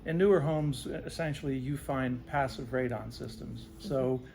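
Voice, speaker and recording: This interviewee, a radon remediation specialist, explains things in simple terms and often says "right?" to check in. His mid-range voice carries vocal fry and a darkish tone at a moderate pace, with a little hiss or hum behind it.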